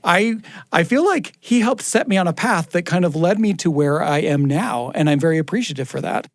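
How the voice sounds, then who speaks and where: An American man, a podcast's producer and co-host, chats casually and reflectively at a close studio microphone and reads credits. His voice is on the high side, animated and brisk.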